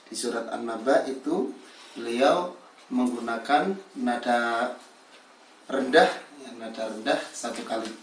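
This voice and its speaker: Slow, echoey male recitation teacher. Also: far from the mic, a little hiss or hum. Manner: explains pitch steps slowly, then demonstrates them in a sung melody. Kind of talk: slow spoken lesson with sung recitation examples.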